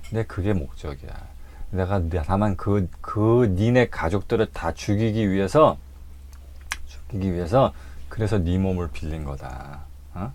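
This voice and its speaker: A clingy, menacing male ghost, as a lecturer puts him on, taunting and insisting in a low voice. He mocks and presses without letup. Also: darkish tone, close to an everyday voice.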